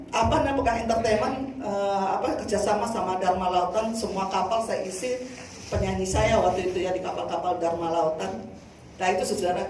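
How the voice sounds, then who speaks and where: Older woman preaching in an echoey church. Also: sits high. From Indonesia. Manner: lively storytelling, addresses congregation as saudara. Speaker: evangelist giving testimony. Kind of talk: sermon testimony. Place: church hall. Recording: echoey hall from far off, faint noise.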